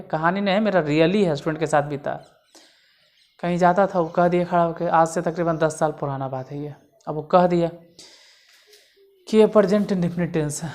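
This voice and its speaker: A woman's voice: lowish voice, a little mellow. A woman explaining English grammar in a casual lesson, repeating examples step by step.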